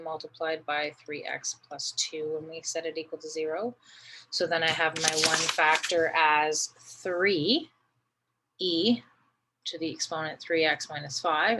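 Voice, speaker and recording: A woman with a low, deep voice works through a calculus problem, patiently narrating each step. She checks in with the listener as she goes, in a steady teaching style. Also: slight background noise, low-quality recording. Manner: patient, talks through each step, often adds "right?". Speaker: math teacher. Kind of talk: step-by-step math lesson.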